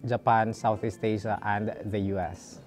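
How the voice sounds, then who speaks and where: A man's voice: fairly low pitch, steady tone, moderate pace, a little mellow, soft background music. A man from the Philippines, a research fellow earnestly describing his research on camera. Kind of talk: introducing himself on camera.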